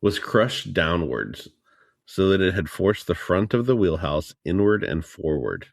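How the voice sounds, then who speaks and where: Very deep-voiced male podcast co-host. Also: big pitch swings, a little slow, creaky, no echo, clean studio sound. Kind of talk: reading a report aloud, casual chat.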